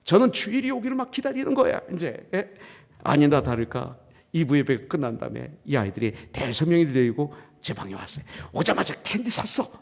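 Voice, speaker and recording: A man's voice: fairly high pitch, very animated, brisk, vocal fry, darkish tone. A middle-aged male pastor preaching a sermon in a church, telling a story and acting out its dialogue, slipping English phrases into his talk. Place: church sanctuary. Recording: long reverb of a church hall.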